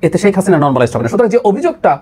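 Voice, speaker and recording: A man's voice: sits high, huge pitch swings, rapid-fire, mellow, a little hiss or hum. A man giving an argumentative solo commentary, full of rhetorical questions and "ah" fillers. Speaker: political commentator.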